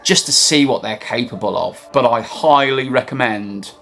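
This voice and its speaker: A man's voice: medium pitch, normal speed, fairly bright tone. A man presenting a scripted album review for his music vlog, enthusiastic and wry in a conversational way.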